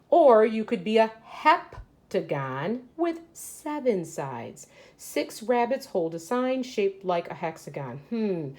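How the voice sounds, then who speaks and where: In a read-aloud lesson, an elementary school teacher with a mid-range, darkish voice reads to children and explains as she goes. She often asks questions and answers them herself.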